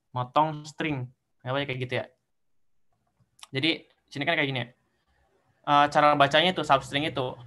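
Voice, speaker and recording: A man's voice: mid-range voice, bright, forceful tone. A young man teaching assistant explaining code step by step in an online tutorial. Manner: explains step by step, counting through indexes.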